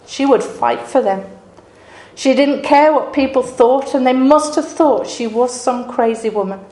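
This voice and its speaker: A woman's voice: on the high side, a little mellow. Earnest woman preaching. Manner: earnest, reflective, dramatic storytelling. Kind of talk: devotional Bible message. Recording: roomy echo.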